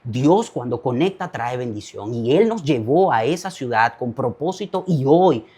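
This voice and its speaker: A man's voice: medium pitch, big pitch swings, moderate pace, dark tone, slightly rough. A man who is a pastor, telling a story as a testimony in a fervent, preacher-like way.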